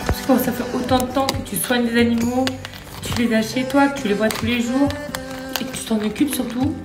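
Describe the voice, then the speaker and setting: A woman's voice: a little high, steady tone, brisk, music in the background. A woman with a lisp on her s sounds, chatting casually to her followers as she films stories on a phone. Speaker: vlogger filming social media stories.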